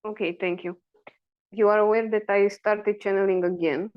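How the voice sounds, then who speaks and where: A woman asking personal questions as a client in a guidance session, halting and searching for words. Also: mid-range voice, fairly even intonation, clean tone, lo-fi sound.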